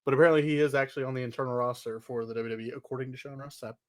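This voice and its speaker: A man's voice: mid-range voice, steady tone, rapid-fire, no echo, clean studio sound. A man co-hosting a wrestling news podcast in a casual, wry, offhand conversational way.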